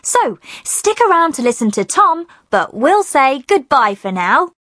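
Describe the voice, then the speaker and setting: A woman presents a learner podcast in friendly, scripted tones. Her voice sits fairly high with a lively, bouncing melody, and the recording is dry and close. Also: measured pace, no echo. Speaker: podcast host.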